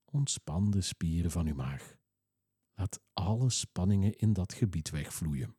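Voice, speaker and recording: A man leads a relaxation exercise, his low voice slow and soothing. The tone is dark and very husky. The recording is close and dry, with no room sound. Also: no echo. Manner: slow, soothing, calm instructions. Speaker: relaxation guide. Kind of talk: guided relaxation script.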